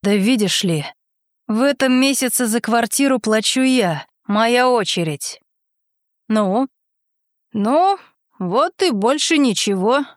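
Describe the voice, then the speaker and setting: A woman's voice: fairly high pitch, animated, slow, no room sound, clean studio sound. A woman reading aloud, voicing a gloomy, broke young man who mumbles evasively. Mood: glum. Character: glum, broke young man, dreamy and wheedling.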